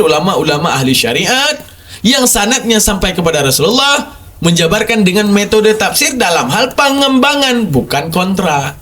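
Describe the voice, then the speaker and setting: A man's voice: high voice, fairly bright tone. A man giving emphatic religious commentary on a video, repeating words for stress and mocking his opponents.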